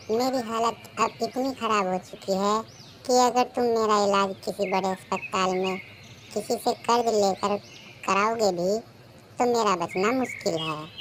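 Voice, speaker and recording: Brief: dying mother sparrow in a cartoon, played by a woman, soft and slow. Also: medium pitch, a little hiss or hum, close to an everyday voice. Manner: soft and pleading. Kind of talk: cartoon voice acting.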